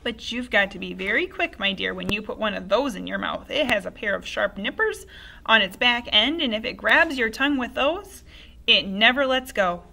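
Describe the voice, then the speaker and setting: A woman's voice: a little high, lively intonation, moderate pace, vocal fry, bright, forceful tone, slight background noise, full character voice. A woman reading aloud and voicing a sinister old grandmother who seems to be a witch, relishing and wheedling by turns. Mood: gleeful, gloating. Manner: relishing, wheedling, then throaty whispering.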